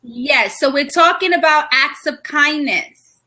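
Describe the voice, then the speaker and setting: A woman with a high, bright voice co-hosts a casual live video chat over a call. She talks in quick bursts with plenty of restarts and keeps things moving around connection trouble. She is from New York. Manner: chatty, restarts often, coping with connection trouble.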